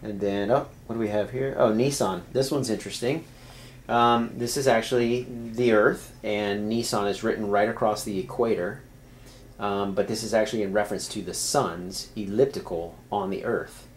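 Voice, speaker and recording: A man with a somewhat low voice talks casually to his viewers, pausing often and restarting his sentences. A faint hiss of noise sits under the recording. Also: steady tone. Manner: hesitant, many fillers and restarts. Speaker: video creator explaining symbols. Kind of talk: casual explanatory monologue.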